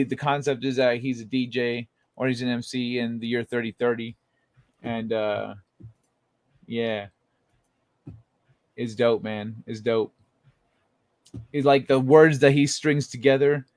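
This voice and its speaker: A man's voice: mid-range voice, level tone, a little slow, long pauses, no room sound, studio quality. A young man hosting a late-night livestream, chatting in a laid-back, rambling way and laughing often. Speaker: livestream host. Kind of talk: casual late-night chat.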